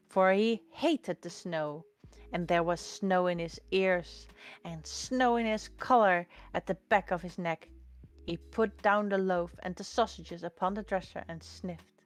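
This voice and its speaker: A woman reading a children's storybook aloud in a slow, gentle, expressive way. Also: lowish voice.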